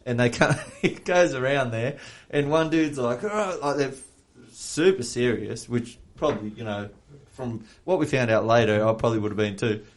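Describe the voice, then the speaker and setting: A man's voice: medium pitch, normal speed. An Australian man from Wollongong telling a long rambling story on a podcast, swearing freely and laughing as he goes. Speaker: podcast co-host. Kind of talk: casual storytelling.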